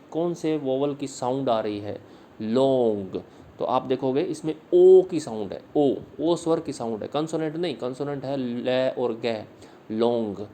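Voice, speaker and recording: A male English literature teacher giving a slide-based video lesson, patiently repeating words slowly and explaining each slide line. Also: on the high side, warm tone, slight background noise.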